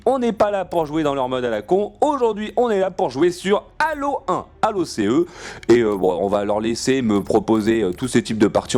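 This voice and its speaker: Animated, playful male gaming host. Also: mid-range voice. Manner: rambling, swears often, restarts sentences; playful, jokey rants. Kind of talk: casual gameplay commentary.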